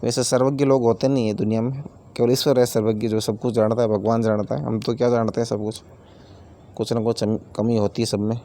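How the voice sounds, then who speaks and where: A man's voice: mid-range voice, little pitch movement, a little fast, mellow. A man teaching a grammar lesson, explaining each word with everyday examples and repeating key terms, addressing viewers as friends.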